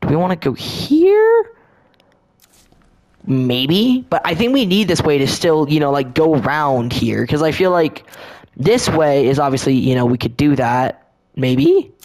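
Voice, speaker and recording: A man with a slightly high voice commentates his gameplay in a casual, rambling way. He is chatty and quick to get excited, and he keeps addressing the enemies on screen directly. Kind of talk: casual let's-play commentary.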